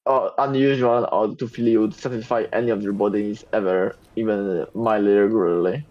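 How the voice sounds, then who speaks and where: A man's voice: lowish voice, fairly even intonation, fairly quick, darkish tone, lo-fi sound. A man joining a casual chat, with dry, teasing remarks.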